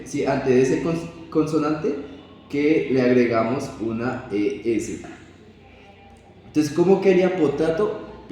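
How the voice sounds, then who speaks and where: A young man works through grammar rules like a student teacher, pausing and restarting his sentences as he goes. His voice is mellow and dark in tone. It sounds far from the mic, in a room with a long, echoing reverb. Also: mid-range voice, a little hiss or hum. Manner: halting, self-correcting explanations. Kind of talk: classroom grammar explanation.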